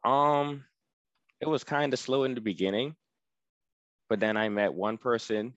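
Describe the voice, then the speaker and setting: A man's voice: mid-range voice, fairly even intonation, measured pace, no room sound, muffled recording. A man talking about his delivery work in an easygoing, conversational way. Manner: easygoing, conversational, says you know often. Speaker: guest, freight delivery business owner. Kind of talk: casual interview.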